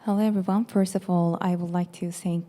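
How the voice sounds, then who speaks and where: Turkish-accented woman student presenting, low voice. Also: fairly even intonation, a little fast, warm tone. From Turkey. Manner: earnest, explanatory, many "actually". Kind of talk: casual presentation.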